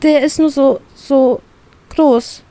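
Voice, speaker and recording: A woman voicing a shy, timid young woman who stammers on her first sounds, with a quiet, hoarse, rough voice. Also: high-pitched, steady tone, slow pace, pitched above the performer's own voice. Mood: embarrassed. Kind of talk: storybook reading.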